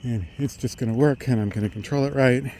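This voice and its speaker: A middle-aged man thinks aloud in a halting technical monologue while walking outdoors along a road. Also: mid-range voice. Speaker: vlogger. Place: outdoors on a residential roadside. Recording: outdoor street noise, passing vehicles.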